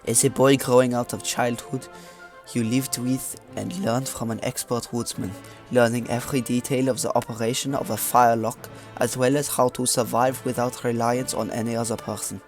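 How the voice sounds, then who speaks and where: A hammy, overdone French accent put on by a man reads out a game's backstory with mock gravity. The voice sits at an ordinary pitch for a man and stumbles now and then over the wording. Soft game music plays underneath. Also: flat delivery, normal speed, lightly acted. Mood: reading. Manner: hammy, stumbling over words while reading aloud.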